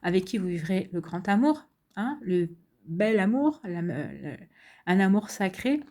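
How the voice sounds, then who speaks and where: A middle-aged woman talks viewers through a card reading in a relaxed, chatty way. Her voice is mellow and warm, and she keeps reassuring them, with plenty of hesitations and restarts. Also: mid-range voice, unhurried. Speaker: tarot card reader.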